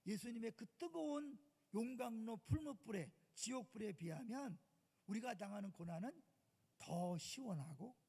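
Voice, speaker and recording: Male pastor, sermon. Husky, dark tone, loud-to-hushed delivery, long church reverb. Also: high-pitched. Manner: emphatic preaching, swings to loud outbursts and hushed asides. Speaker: senior pastor. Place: church sanctuary.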